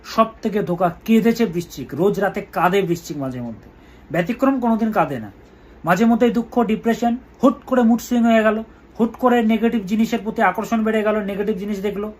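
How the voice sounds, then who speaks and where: Man astrologer with a high voice, slow emphatic delivery with chanted mantras. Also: a little mellow. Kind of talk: weekly horoscope talk.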